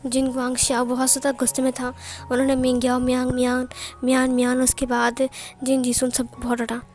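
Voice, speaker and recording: High-voiced woman narrating a story. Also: completely flat delivery, brisk, a little mellow, soft background music. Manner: plain retelling with characters' lines voiced. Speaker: fanfiction narrator. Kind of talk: story reading.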